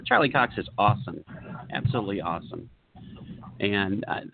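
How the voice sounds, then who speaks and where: Man, co-host, joking casual chat, lowish voice, tinny line, faint hiss. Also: animated, normal speed, gravelly. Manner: joking, laughs often. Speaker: podcast co-host.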